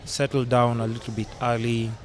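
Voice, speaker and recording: A man's voice: mid-range voice, level tone, normal speed. A young Kenyan man hosting a casual podcast conversation, chatty and teasing, laughing often. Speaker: podcast host.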